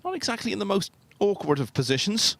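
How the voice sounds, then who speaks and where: A man commentating on snooker in a hushed, measured, understated and analytical way. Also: high-pitched, very animated, a little hiss or hum.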